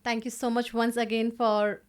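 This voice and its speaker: A woman's voice: on the high side, flat delivery, moderate pace, clean tone. A woman with an Indian accent hosting a podcast, introducing her guest and asking questions. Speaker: podcast host.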